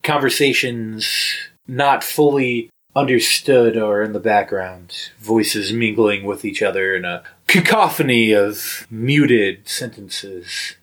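A man narrating a tabletop role-play game as game master, describing scenes in a measured way. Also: lowish voice, a bit bright.

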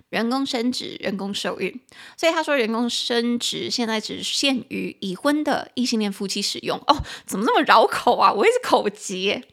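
A woman's voice: a little high, fairly bright tone. Chatty Taiwanese woman teaching English. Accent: Taiwanese Mandarin. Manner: chatty, spells words out slowly, self-correcting. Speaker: podcast host teaching English. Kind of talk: casual podcast lesson.

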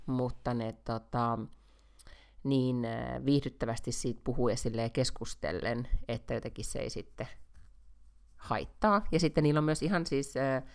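A woman with an exceptionally deep, low voice chats casually as a podcast co-host. She rambles at length with lots of fillers and restarts, and she teases her co-host playfully. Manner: chatty, many fillers, playful teasing. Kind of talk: casual chat. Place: Helsinki.

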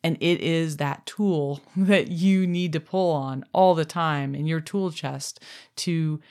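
A man co-hosting a podcast talks earnestly about what he cares about. He leans hard on key words and keeps checking for agreement with a quick "right?". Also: fairly high pitch. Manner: earnest, emphatic, looking for agreement. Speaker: podcast co-host. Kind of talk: casual chat.

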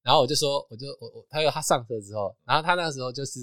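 A man's voice: mid-range voice, rapid-fire, no room sound, clean studio sound. A man with a Taiwanese Mandarin accent, co-hosting a casual podcast chat and telling stories with a laugh. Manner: animated storyteller, laughs often. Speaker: podcast co-host.

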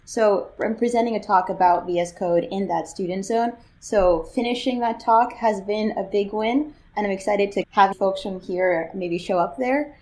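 A woman's voice: medium pitch, a little mellow. A female guest on a technology podcast. Her voice is mid-range, and she talks in a casual, conversational way. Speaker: podcast guest, tech company education specialist. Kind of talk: casual chat.

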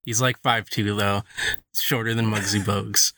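A man's voice: lowish voice, flat delivery, normal speed, bright, forceful tone, no echo. A man chatting as a podcast guest from a laundry room, joking and rambling. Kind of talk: casual chat. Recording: noisy laundry room recording.

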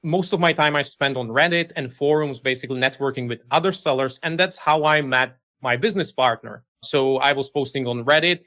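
Bright-voiced man. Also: mid-range voice. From Czech Republic. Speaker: guest, business owner. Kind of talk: interview answers.

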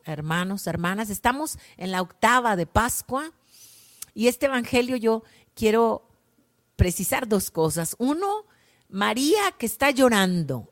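A woman with a mid-range voice, acting as worship leader, offers a slow, prayerful gospel reflection, her lines often softening to a hush at the end.

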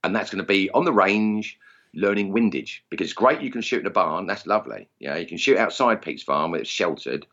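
A man with an Essex accent speaks in a deep register with very lively intonation. He chats casually as a guest, poking fun at himself. The sound is a little dull and lo-fi. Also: a little fast. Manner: self-deprecating, jokey. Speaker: interview guest, target shooting instructor. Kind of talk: casual chat.

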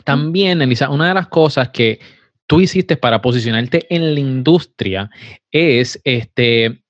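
A man's voice: mid-range voice, expressive, measured pace, dry recording. A man hosting a podcast interview, affirming his guest and asking questions. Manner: affirming, asks questions, fillers. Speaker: podcast host. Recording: dry, slightly dull podcast audio.

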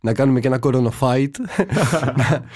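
Young man, podcast co-host, joking, slangy, animated, medium pitch, dry close sound. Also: no echo. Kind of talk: casual chat.

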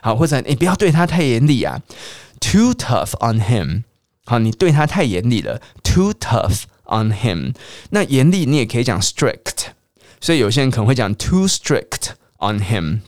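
Lively man drilling English words. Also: mid-range voice, dry recording, studio quality. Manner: drills words slowly and repeats them; asks listeners to repeat aloud. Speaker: English teacher. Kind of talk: radio English lesson.

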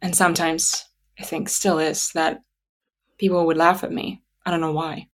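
A woman whose native language is Russian speaks in a slightly low voice. She tells stories about herself conversationally, pausing and thinking aloud as she goes. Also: little pitch movement. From Kazakhstan. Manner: halting, reflective, thinking aloud. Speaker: interview guest. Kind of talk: conversational personal storytelling.

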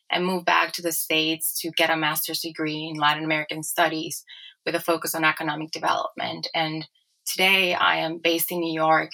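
A woman in her twenties from Ecuador, a company co-founder answering interview questions in a measured, articulate way. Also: low-pitched, vocal fry, sharp tone, rough recording.

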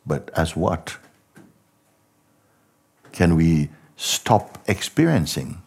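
A man giving a contemplative spiritual talk as a teacher, speaking slowly and reflectively, posing many rhetorical questions and often trailing off softly. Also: extremely low pitch, big pitch swings, creaky, slightly rough.

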